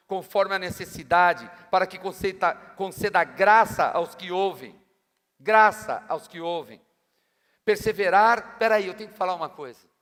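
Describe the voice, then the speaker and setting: A man's voice: high-pitched, a bit bright. A pastor, preaching a sermon in an emphatic, colloquial way with slangy asides to his congregation. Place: church hall. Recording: long church-hall reverb.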